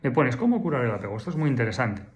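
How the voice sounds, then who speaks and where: A man's voice: mid-range voice, big pitch swings, racing, slight background noise. A therapist explains things to the camera in a didactic way. He keeps asking rhetorical questions and checks in with short "mm?" sounds. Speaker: therapist answering viewer questions.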